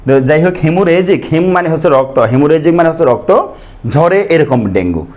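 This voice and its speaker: A man's voice: fairly high pitch, expressive, fairly quick, a little mellow. A man teaching a biology class, joking and chatty, often asking students to answer or repeat after him. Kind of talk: playful classroom lecture.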